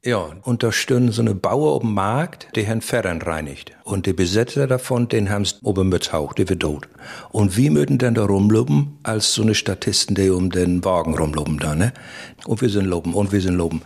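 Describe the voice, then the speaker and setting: A man with a Mecklenburg Low German accent, a film extra telling anecdotes as a guest in casual radio chat, often ending with "ne?". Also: fairly quick, vocal fry, a little mellow. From Wismar, Germany.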